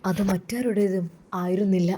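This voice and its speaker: A woman's voice: medium pitch, fairly even intonation, moderate pace, a little hiss or hum. A woman with a Malabar Malayalam accent narrating a family story in a dramatic, casual storytelling manner. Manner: dramatic, warm storytelling with religious greetings.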